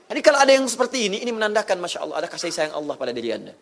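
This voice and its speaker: Animated male preacher with a higher voice. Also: rapid-fire, creaky. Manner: animated, swings between loud emphatic bursts and soft low asides; informal and playful, with occasional laughter. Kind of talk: sermon with audience questions.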